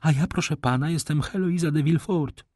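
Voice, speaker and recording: A man's voice: fairly high pitch, a little fast, darkish tone, no echo, clean studio sound, voice pushed up, lightly acted. A man doing a frantic aristocratic young mother. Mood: excited.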